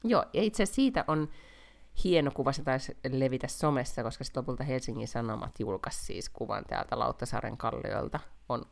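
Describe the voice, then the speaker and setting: A woman's voice: a bass voice, gravelly. A woman from Finland co-hosting a casual podcast chat, talking at length with lots of fillers and a playful, teasing manner. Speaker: podcast co-host. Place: Helsinki.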